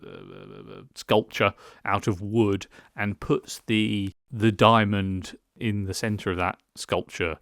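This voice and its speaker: Guy a bit drunk doing a film review, lowish voice, dry sound, rambles and stumbles over his words. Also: expressive, slow pace, vocal fry, few pauses, a bit bright, no echo. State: tipsy from drinking wine. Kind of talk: casual solo film review, rambling opinion.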